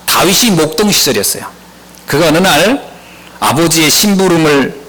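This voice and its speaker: A male pastor preaching a sermon, retelling a Bible story with lively storytelling and short acted-out lines. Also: on the high side, husky, low-quality recording. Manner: lively storytelling, acting out biblical characters' lines.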